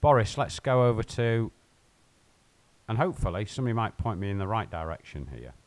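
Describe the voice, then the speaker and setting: A man's voice: lowish voice, lively intonation, fairly quick. A man rambling and joking with his viewers while he plays and streams from home. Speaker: game streamer. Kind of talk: casual live-stream chat.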